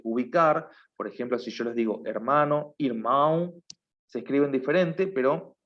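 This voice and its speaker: Patient male teacher, dull lo-fi sound. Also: on the high side. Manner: explains patiently, often checks with a questioning "right?". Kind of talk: online class lecture.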